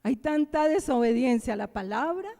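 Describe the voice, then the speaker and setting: A woman pastor with a Bogotá Colombian accent, preaching animatedly and shifting from loud exclamations to hushed prayer in a church. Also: high voice, expressive, moderate pace. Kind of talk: sermon. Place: large church sanctuary. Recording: echoey church hall.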